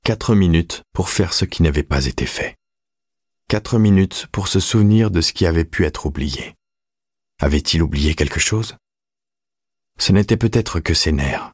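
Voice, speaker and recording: A man reading an audiobook in measured, even scripted narration. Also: low voice, slightly rough, no room sound, clean studio sound.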